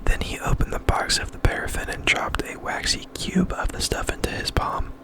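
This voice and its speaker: A man reading a novel aloud as ASMR in a breathy, intimate whisper, very close, as if right in the listener's ear. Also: moderate pace.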